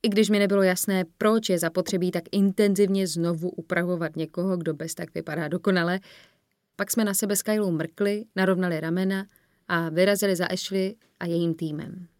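Low-voiced woman narrating an audiobook. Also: fairly even intonation, darkish tone, no echo, clean studio sound. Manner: measured storytelling, voicing the characters. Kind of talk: first-person audiobook narration.

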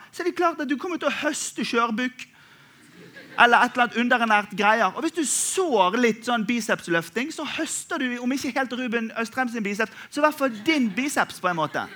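A man in his thirties from Western Norway delivers a sermon with humor and a chatty, back-and-forth manner. His voice sits high and bright. He keeps pulling the congregation in as he goes. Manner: animated, humorous, conversational preaching with frequent "sant?". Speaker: pastor.

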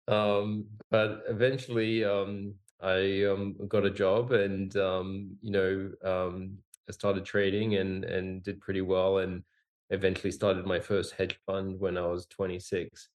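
He has a deep, level voice and takes his time. A company founder in his forties, born in Australia and raised in Singapore and Hong Kong, he rambles through a casual podcast interview, often joking about himself.

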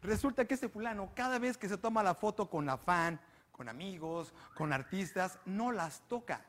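Male presenter, Mexican accent, higher voice, cheeky slang-filled comic commentary in a studio. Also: lively intonation, moderate pace, a bit bright. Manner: joking, slangy, teasing the studio crew. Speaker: guest presenter of a comedy panel show. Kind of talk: comedic show commentary.

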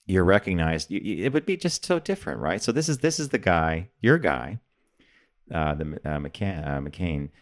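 A man's voice: low voice, big pitch swings, normal speed. A man co-hosting a casual business talk show, chatty and asking his partner questions. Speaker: podcast co-host.

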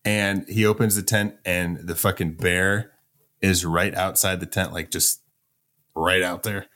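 Male podcast co-host, very low voice, loose chatty storytelling, filler-heavy. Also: a little slow. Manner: animated storytelling with lots of "like". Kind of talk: casual chat.

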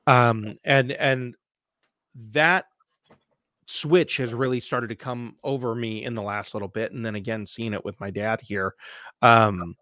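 A man's voice: medium pitch, fairly even intonation, a little slow, bright, forceful tone, no room sound, studio quality. A nasal-voiced man in his forties with a Midwestern accent, a gym coach telling stories on a casual podcast with emphatic energy. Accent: Midwestern American.

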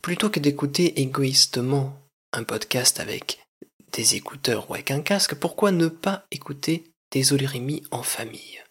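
Husky guy doing fake-serious radio host bits, deadpan, kinda pompous announcer tone. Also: medium pitch, normal speed. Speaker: podcast host and narrator. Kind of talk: mock-formal comic radio presenting.

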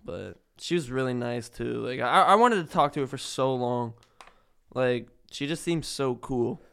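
A man's voice: mid-range voice, lively intonation, measured pace, creaky, fairly bright tone, smooth. A man talking as a podcast guest, telling a story in a rambling way, full of "like" and restarts. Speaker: podcast guest, prank video maker. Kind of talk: casual podcast chat.

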